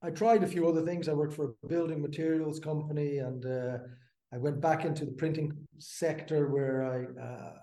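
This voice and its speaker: A man in his fifties from the Netherlands, a brewery co-founder, talking as a podcast guest in a halting, filler-filled way. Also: a little high, fairly even intonation, warm tone, roomy sound. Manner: halting, many fillers and restarts. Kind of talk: casual interview.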